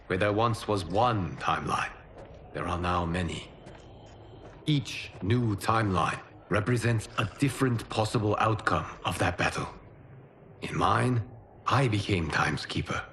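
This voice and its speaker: Liu Kang, a deep, calm time-keeper. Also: male voice, a little hiss or hum. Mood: solemn. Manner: calm, measured, solemn. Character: calm godlike male warrior monk, keeper of time. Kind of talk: video game cutscene acting. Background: dramatic game score.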